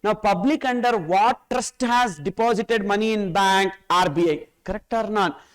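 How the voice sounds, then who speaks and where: A man's voice: sits high, moderate pace, clean tone. A man with a South Indian accent lecturing a class, emphatic and repetitive, often asking questions and answering them himself. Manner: emphatic, repeats phrases, asks and answers own questions. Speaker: tax course teacher.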